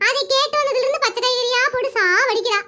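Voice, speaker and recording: A fussy older mother-in-law, put on by a woman, fretting. Her voice sits extremely high and sounds bright and sharp. She wails her complaints like the drama in a comedy skit. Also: fast talker. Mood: complaining.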